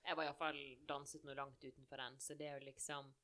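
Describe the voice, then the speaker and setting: A woman's voice: extremely low pitch, level tone, a crowd in the background. A woman in casual conversation, speaking reflectively and sometimes playfully acting out her own thoughts. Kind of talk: casual chat.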